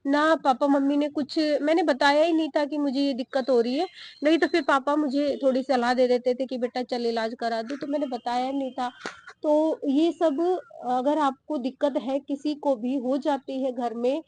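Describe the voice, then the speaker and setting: A young woman vlogging from her garden, short of breath and talking slowly with pauses. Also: sits high, darkish tone. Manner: slow, breathy-paced talk with pauses. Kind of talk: casual vlog talk to camera. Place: home garden outdoors.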